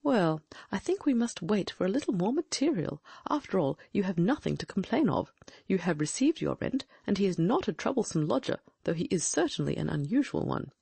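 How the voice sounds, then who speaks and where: A woman performs a full character voice of a male Victorian detective, brilliant, sharp and confident, reasoning aloud with crisp, exact diction in an audiobook dramatic reading. Her mid-range, mellow voice has a gravelly, slightly husky grain, ranges widely in pitch, and is very animated and a little fast. The mood is deductive, and the recording is dry and close, without room sound.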